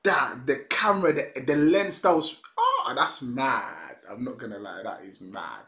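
A man's voice: medium pitch, unhurried. A man, chatting casually as he reacts to a music video and often breaking into laughs. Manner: excitable, bursts into laughs and shouts. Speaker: reaction channel host. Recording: echoey room with music behind.

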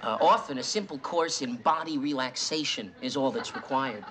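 An actor playing a hesitant, earnest party guest offering advice in a 1970s sitcom. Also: male voice, mid-range voice, normal speed, close to an everyday voice. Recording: hissy 1970s TV broadcast.

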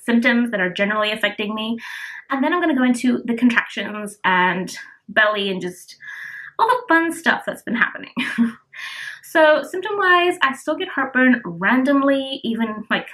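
A woman's voice: on the high side, animated, moderate pace, pushed and bright, low-quality recording. A heavily pregnant woman in her twenties chatting casually to camera as a vlogger, breathless and weary, with emphatic repetition and self-deprecating humour. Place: small furnished room indoors. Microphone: camera at about arm's length.

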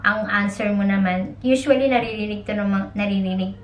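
A woman's voice: medium pitch, steady tone, brisk, roomy sound, highs cut off. A woman who is a mother, teaching Japanese in a casual spoken lesson, explaining in Tagalog with English words and acting out example lines in a raised voice. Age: young adult or middle-aged, a mother.

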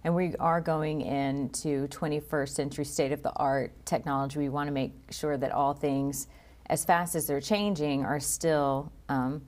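Low-voiced woman hosting an interview. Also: darkish tone. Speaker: interview host and teacher. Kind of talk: studio interview questions. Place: school TV studio with bookshelf set.

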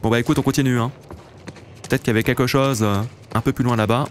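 A man's voice: medium pitch, fairly even intonation, fast, slight background noise. A man in his late twenties, hosting a let's play and chatting casually to viewers while he plays. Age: late 20s. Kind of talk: casual gameplay commentary.

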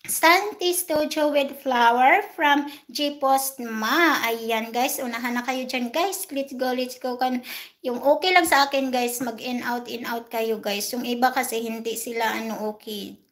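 Brief: young woman, high voice, unhurried livestream host, chatty and giggly. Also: a bit bright. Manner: chatty, thanks viewers one by one, giggles often. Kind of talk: casual livestream chat reading viewer comments.

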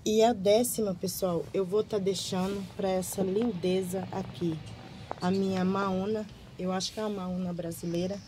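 A woman's voice: medium pitch, fairly even intonation, normal speed, dark tone, slight background noise, poor audio. A woman vlogger showing her plants, gushing and repeating words of praise in a casual show-and-tell. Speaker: gardening vlogger.

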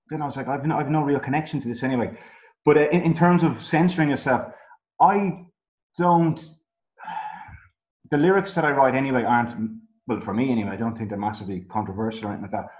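A man's voice: medium pitch, darkish tone, highs cut off. Candid rambling Irish man, roomy sound. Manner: candid, rambling, full of fillers. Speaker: musician guest. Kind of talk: casual podcast chat.

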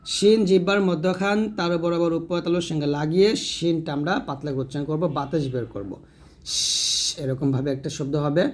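Male teacher, fairly high voice, patient step-by-step pronunciation lesson, models each sound aloud. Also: steady tone, a little mellow. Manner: explains slowly, models each letter sound, repeats it. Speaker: Quran recitation teacher.

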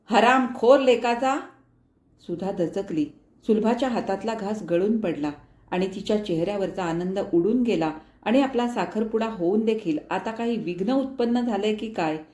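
A woman narrating a novel as an audiobook in an expressive, dramatic reading style. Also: medium pitch. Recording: echoey room.

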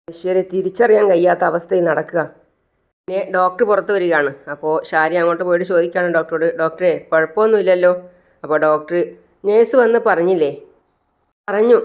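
Recap vlogger, mid pitch, filler-heavy retelling with quoted dialogue. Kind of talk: casual story recap narration.

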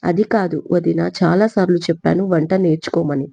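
A woman's voice: on the low side, steady tone, brisk, gravelly, warm tone, husky, no echo, highs cut off. A woman voicing a stern middle-aged mother who scolds and warns her daughter. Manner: reproachful, warning.

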